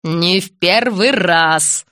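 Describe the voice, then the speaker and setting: A woman voicing a brisk, fussy female TV director who bosses her crew and gushes over the family. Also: on the low side, bright, forceful tone, dry recording, studio quality, voice pushed down, exaggerated voice. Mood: bustling.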